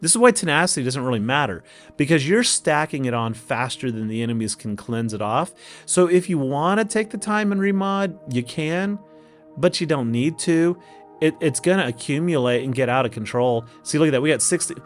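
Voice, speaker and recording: A man's voice: fairly high pitch, big pitch swings, fairly quick. A man with an Oklahoma accent giving casual strategy commentary as host of a gaming video, talking to himself in a folksy way. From Oklahoma, United States. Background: music.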